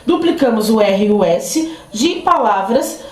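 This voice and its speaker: A woman's voice: on the high side, expressive, a little slow, a little mellow. Echoey-voiced woman teacher reviewing grammar. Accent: Southeastern Brazilian Portuguese. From Southeast Brazil. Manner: explanatory, with frequent hesitation fillers. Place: roomy space near a street, where a passing motorbike is heard. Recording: echoey amateur room recording.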